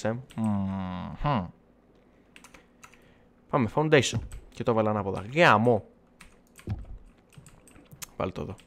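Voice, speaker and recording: A man casually chatting while livestreaming gameplay, self-mocking and swearing, talking back to his viewers and the game. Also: medium pitch. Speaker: gaming livestreamer. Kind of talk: casual live gameplay chat.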